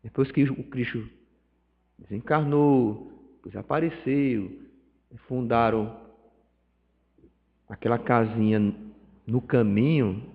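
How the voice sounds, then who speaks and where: A man's voice: mid-range voice, slow pace, long pauses. A man with a Pernambuco accent giving a spiritist lecture, telling stories with acted dialogue and emotional swells. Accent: Pernambuco Portuguese. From Northeast Brazil. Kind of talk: lecture at a spiritist study group. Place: meeting hall of a spiritist centre. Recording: dull, reverberant hall recording.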